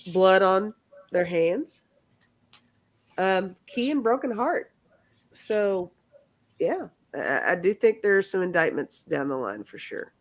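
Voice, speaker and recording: Lively woman reading cards. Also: medium pitch. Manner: halting, restarts, laughs often. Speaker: card reader. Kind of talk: casual chat.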